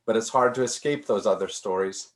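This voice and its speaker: A man's voice: on the low side, a little fast. A man leading a casual group discussion, thinking aloud with frequent restarts and repeated words.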